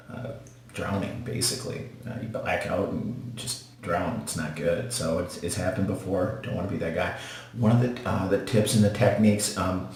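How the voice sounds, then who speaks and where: Low-voiced man in a very echoey bathroom. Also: darkish tone. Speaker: vlogger. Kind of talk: casual monologue to camera. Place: small tiled bathroom, sitting in a bathtub. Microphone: camera or phone a short distance away.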